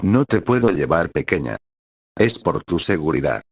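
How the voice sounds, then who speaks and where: A man voicing a young male guardian warrior, gentle and protective, with a soft, reassuring manner. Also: deep voice, sing-song, moderate pace, creaky, no room sound, clean studio sound, exaggerated voice.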